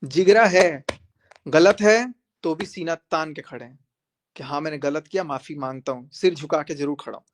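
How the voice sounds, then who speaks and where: Speaking at a moderate pace in a voice on the high side, a young man streams live and challenges his critics head-on. This social media creator's heated monologue is defiant, with phrases repeated for emphasis.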